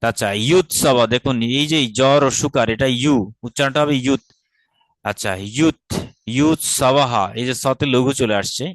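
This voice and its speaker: A man from Bangladesh leads an online class on Sanskrit verse, explaining each point patiently and checking that his students follow. His voice sits at an ordinary middle pitch. He slows down to recite syllables carefully, recorded close and dry with no room sound. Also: no echo. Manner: explains patiently, often asks rhetorical questions and checks understanding. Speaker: teacher of Sanskrit grammar.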